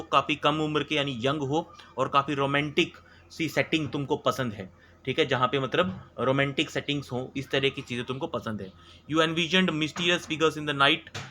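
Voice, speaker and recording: A man teaching a textbook chapter. He reads English lines slowly, then explains each one at length and checks in often with filler words. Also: on the high side, sharp tone, slight background noise.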